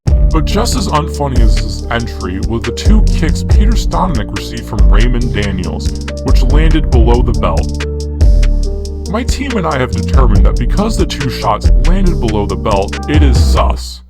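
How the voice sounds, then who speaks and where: A man's voice: mid-range voice, sing-song, normal speed. A man narrating a scripted top ten countdown, mock-serious with crude humor. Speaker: video narrator. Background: background music.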